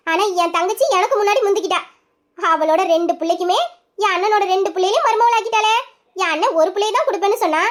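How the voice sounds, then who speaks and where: A high young voice playing a grieving young wife who blames herself over her brother, in a tearful, pleading manner. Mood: hopeful. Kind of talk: Tamil family-serial storytelling.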